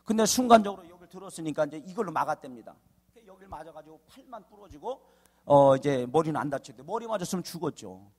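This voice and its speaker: A man's voice: fairly high pitch, animated, quick pace, a little mellow. A man preaching a sermon as a guest pastor, telling a story and then rising to emphatic exhortations. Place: church sanctuary. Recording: long church reverb.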